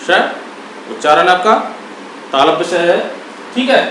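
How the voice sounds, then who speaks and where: A man teaching a grammar lesson, asking questions and answering them himself, repeating key words and sounding out syllables slowly. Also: high-pitched, a bit bright, heavy reverb, distant mic, a little hiss or hum, poor audio. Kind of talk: classroom lesson.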